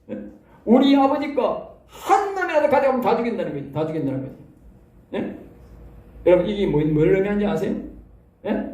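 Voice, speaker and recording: High-pitched Gyeongsang preacher in an echoey hall. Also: male voice. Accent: Gyeongsang Korean. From South Korea. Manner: animated, folksy preaching with rhetorical tag questions. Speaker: pastor. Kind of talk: sermon. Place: church hall.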